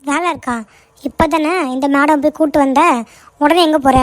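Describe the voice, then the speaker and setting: A woman's voice: sits high, steady tone, moderate pace, no room sound, natural voice. A woman voicing a middle-aged cartoon mother who scolds and complains about her household. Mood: grumbling. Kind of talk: cartoon voice acting.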